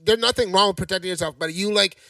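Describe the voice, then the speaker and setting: A man's voice: high-pitched, fast, creaky, bright, forceful tone, no room sound, recorded from a distance. A young man co-hosting a podcast, firing off blunt, profane retorts in casual chat. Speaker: podcast co-host.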